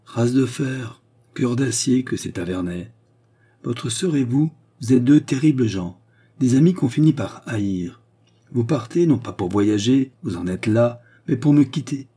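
A man voicing a proud, anxious French queen, lofty and brisk, in a storybook reading. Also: medium pitch, lively intonation, warm tone, husky, voice pushed up. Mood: reproachful.

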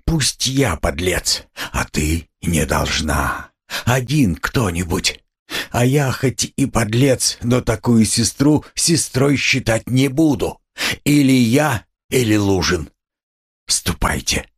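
A feverish, worn-out young man who snaps in halting, strained bursts, as the reader puts him on. The voice is low and husky. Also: animated, exaggerated voice. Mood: exhausted. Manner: strained, halting, forceful outbursts.

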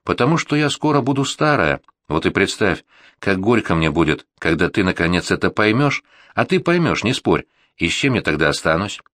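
A man with a deep voice voicing a tender, weary young widow in an audiobook, gentle and pleading. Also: big pitch swings, normal speed, no room sound, studio quality. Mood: bitter. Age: 20s. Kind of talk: audiobook narration.

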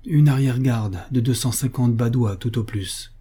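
Audiobook: man doing a brisk Alsatian soldier scout, dark and husky tone. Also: medium pitch, close to an everyday voice.

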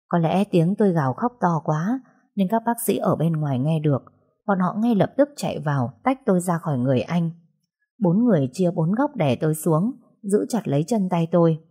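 A woman reads a first-person story in a steady, somber manner. Her voice sits low and has a husky grain. She keeps an even storyteller's pace. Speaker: audiobook narrator. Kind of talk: first-person scripted narration.

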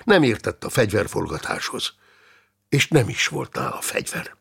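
A male narrator reading an audiobook with dramatic, expressive delivery. His voice sits low with a gravelly, husky texture, and his pitch moves widely through the telling.

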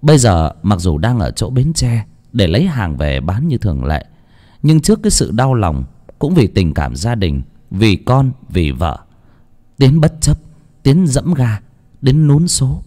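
A man narrating a dramatic audiobook in an expressive storytelling voice. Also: mid-range voice, measured pace. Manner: expressive storytelling, lingering on phrases.

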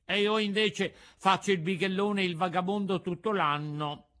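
A man voicing a mischievous, impulsive wooden boy puppet in a storybook reading, in a high, excitable, pleading voice. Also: normal speed. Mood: eager.

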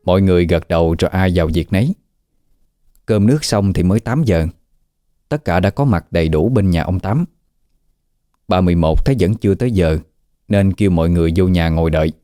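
A man narrating a scripted ghost story in a steady way. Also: deep voice, a little fast, long pauses, dry recording, clean studio sound. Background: faint background music.

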